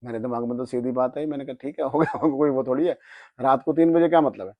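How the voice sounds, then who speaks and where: A man's voice: mid-range voice, fast, no echo, highs cut off. A man telling a personal anecdote in casual speech, acting out the dialogue and raising his voice when angry. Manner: animated, acts out dialogue, voice rises when angry. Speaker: spiritual storyteller.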